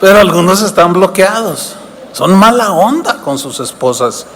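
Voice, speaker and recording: A man's voice: high-pitched, lively intonation, a little slow, fairly bright tone, a little hiss or hum. A man preaching a sermon as pastor, posing rhetorical questions and acting out little dialogues. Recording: long reverb of a large hall.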